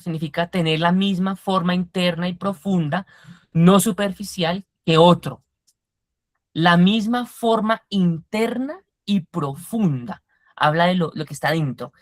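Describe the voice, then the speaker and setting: Low-voiced woman teaching a Bible class. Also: dry recording, studio quality. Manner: quizzes the class and explains Greek words step by step.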